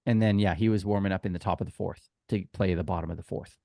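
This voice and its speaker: He talks fast in a low, gravelly, warm voice with fairly even intonation. A tour guide and co-host of a casual sports podcast, he tells anecdotes informally and acts out quoted conversations. The studio sound is clean and dry.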